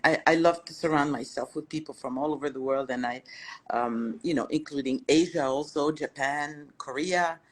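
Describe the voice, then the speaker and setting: An older Lebanese woman whose first language is French answers interview questions as a guest restaurateur. She speaks in a low, steady voice at a moderate pace, warm-hearted and reflective, with frequent fillers and restarts.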